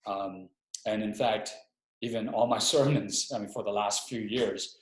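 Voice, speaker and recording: A man's voice: on the low side, measured pace. Reflective middle-aged man on a roomy call. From Hawaii. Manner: reflective, hesitant, restarts often. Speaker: Army chaplain, guest. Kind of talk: conversational webinar interview. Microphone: video call. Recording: roomy echo.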